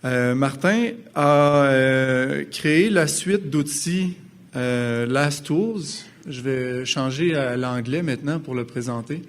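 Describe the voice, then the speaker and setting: A man giving a formal introduction at an event in a hesitant, halting way. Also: medium pitch. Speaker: event presenter introducing a speaker.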